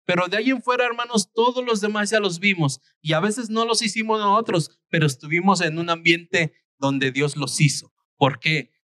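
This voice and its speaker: A man's voice: high voice, moderate pace, hardly any pauses, sharp tone, no echo. A man preaching a sermon to his congregation, fervent and emphatic, rising on key phrases. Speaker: pastor.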